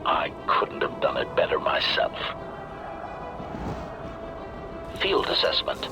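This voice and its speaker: Smug metallic assassin droid. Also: male voice, very deep voice, huge pitch swings, moderate pace, gravelly, exaggerated voice. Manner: labels each remark before saying it. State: failing systems at the end. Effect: metallic robot voice filter. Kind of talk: video game voice acting. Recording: game music behind the voice.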